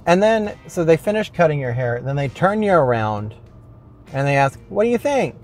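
A man's voice: mid-range voice, animated, moderate pace, a little mellow, faint music behind. A man hosting his own vlog, complaining in a rambling, self-mocking way with many restarts while driving his car. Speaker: vlog host. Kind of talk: casual comedic rant.

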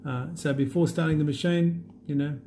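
A man walking through an app demo in a relaxed, halting way with many fillers. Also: on the high side, slight background noise. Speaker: app demonstrator. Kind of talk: unscripted screen demo walkthrough.

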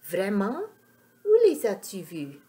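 A woman reading a storybook aloud, voicing a curious, easily worried small child who keeps asking high, anxious questions. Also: big pitch swings, slow pace, warm tone. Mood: eager.

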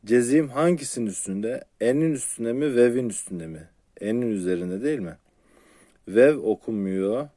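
A man teaching Quran reading in a patient, step-by-step lesson. He repeats syllables slowly, asks his viewers questions and answers them himself. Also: mid-range voice, animated, dark tone, dry recording, studio quality.

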